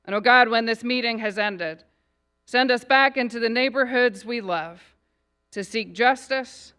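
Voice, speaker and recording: Bright, clear Northern Irish woman praying. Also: fairly high pitch. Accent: Northern Irish, blended with American. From Northern Ireland. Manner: measured, solemn and rhythmic. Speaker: pastor. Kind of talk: public invocation prayer.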